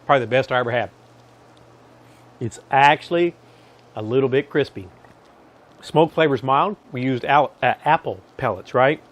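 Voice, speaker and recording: Chatty man hosting a grilling vlog. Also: medium pitch. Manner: relaxed, chatty, talks to viewers while tasting. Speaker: cooking channel host. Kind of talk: casual cooking vlog narration. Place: outdoors by a grill at dusk.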